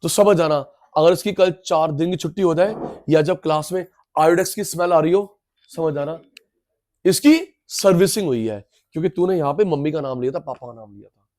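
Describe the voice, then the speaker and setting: A man with a notably high voice teaches a class in an energetic lecture. He hammers terms home by repeating them and talks straight to his students. He breaks things up with jokes. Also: normal speed. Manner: drills terms by repetition, addresses students directly; playful, mixes in jokes and skits.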